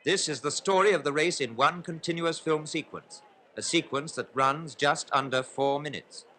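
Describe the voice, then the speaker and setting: A man giving old newsreel commentary on a race, formal and brisk, with play-by-play that builds in excitement. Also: on the high side, slight background noise.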